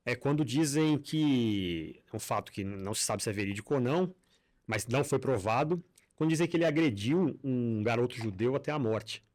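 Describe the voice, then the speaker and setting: A man on a podcast jumps in to add a point. His voice is mid-pitched and ordinary, and he restarts his phrasing a few times as he talks. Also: darkish tone. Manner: hesitant, restarts often. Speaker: co-host. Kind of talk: podcast discussion.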